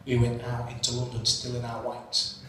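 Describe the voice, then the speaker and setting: A man recounts cheeky, comic tales from his cricket days at an after-dinner event in a function room, landing punchlines in a medium-pitched, monotone voice at a moderate pace. A distant mic picks him up in an echoey room with faint ambience and a noisy background.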